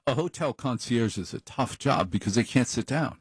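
Speaking at a normal speed, this late-night radio host has a husky, animated mid-range voice with no room sound around it. He's a middle-aged man on an overnight call-in program, chatting casually and poking fun at himself as he wanders from thought to thought at the studio microphone.

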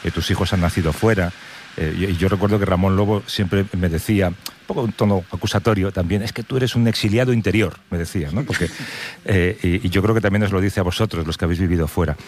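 A man from hosting a talk show conversation, relaxed and hesitant with frequent fillers. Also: sits low, fast talker, slight background noise. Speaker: host.

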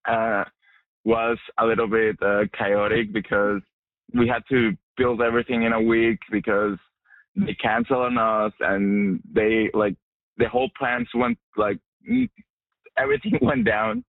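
A low-voiced young man who grew up in Mexico talks through a student project in a radio interview. He hesitates often and restarts his sentences. The sound is dry and narrow, like a phone line. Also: measured pace, gravelly, no echo. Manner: hesitant, many fillers and restarts. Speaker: journalism student.

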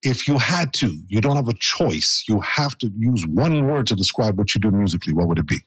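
A man's voice: fairly low pitch, lively intonation, a little fast, breathy edge, no echo, poor audio. A man hosting an interview with a band, joking and teasing in an upbeat way. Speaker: host. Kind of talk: playful broadcast interview.

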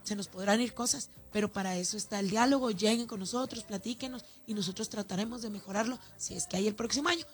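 This Ciudad Juárez councilwoman, who also organizes a festival, speaks in a mid-range voice with a northern Mexican accent. As a radio interview guest she talks fast, hardly pausing at all. Her manner is animated and chatty, with many restarts.

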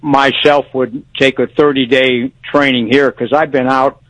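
A man in his seventies calling in to a radio show over a phone line, talking in a halting way with repeated words and restarts. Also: mid-range voice, level tone, fairly bright tone, no room sound. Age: 70s. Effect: caller heard over a phone line on a radio show. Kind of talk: casual call-in chat.

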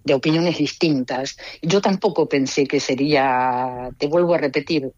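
A woman's voice: sits low, a little mellow, dry recording, dull audio. A middle-aged Argentine woman with an Argentine Spanish accent, talking as an interview guest from abroad, hesitant and full of restarts. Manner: hesitant, halting, many restarts.

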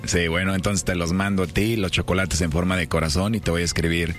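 A man, flirting smoothly and teasing during a prank phone call on the radio. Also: low-pitched, level tone, fast, background noise. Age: 30s. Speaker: radio prank caller host.

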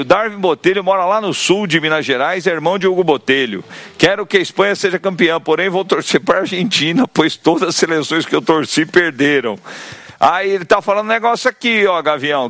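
A man's voice: high voice, lively intonation, a little fast, a bit bright, no echo. A Brazilian man hosting a radio show with playful, colloquial banter and listener messages.

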